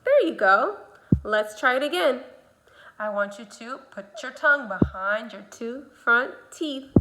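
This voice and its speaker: In a noisy setting, a woman with a fairly high, lively voice leads a speech sound lesson. She models the sounds slowly and with exaggeration, walking the learner through each step with simple prompts.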